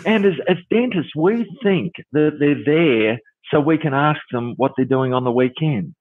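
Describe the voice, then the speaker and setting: A man's voice: fairly high pitch, normal speed, dry recording. Man telling stories over a tinny line. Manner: animated storyteller, acting out dialogue with many "you know"s. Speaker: dentist and dental coach. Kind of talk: podcast interview.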